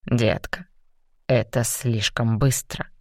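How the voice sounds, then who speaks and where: A woman voicing a cocky, playful male demon lover in an audiobook, dropping to a husky, teasing murmur. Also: a bass voice, steady tone, a little slow, no room sound, studio quality, voice pushed down. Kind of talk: audiobook reading.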